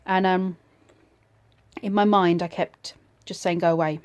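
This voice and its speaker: A woman casually telling a personal ghost story in a reflective, slightly hesitant way, pausing between short phrases. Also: medium pitch, little pitch movement, clear, resonant tone.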